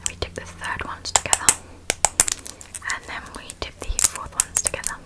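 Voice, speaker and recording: Woman, soft ASMR whisper, close microphone, gentle and reassuring. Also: normal speed. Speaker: ASMR creator. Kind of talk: ASMR role-play appointment.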